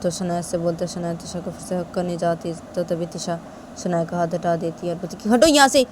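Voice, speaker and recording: A woman narrating a romance story in a low, plain voice, repeating the characters' names often. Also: completely flat delivery, a little fast, mellow, a little hiss or hum. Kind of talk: casual spoken story narration.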